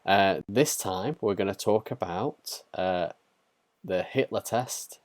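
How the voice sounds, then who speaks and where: Low voiced guy rambling through a podcast intro, easygoing, dry mic. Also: takes it slowly, dry recording. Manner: relaxed, rambling with fillers. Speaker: podcast co-host. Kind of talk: casual livestream chat.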